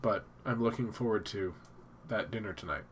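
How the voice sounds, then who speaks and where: Stuffy-nosed guy chatting on his home stream, loose and rambly, lotta ums, soft room hiss. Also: on the low side, moderate pace. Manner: rambling, thinking aloud with fillers and restarts. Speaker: live stream host. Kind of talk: casual live-stream chat. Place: home office.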